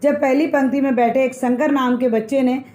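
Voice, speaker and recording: A woman's voice: sits high, steady tone, moderate pace, warm tone. A woman teacher retelling a textbook story as a lesson, repeating phrases and explaining the meanings of words.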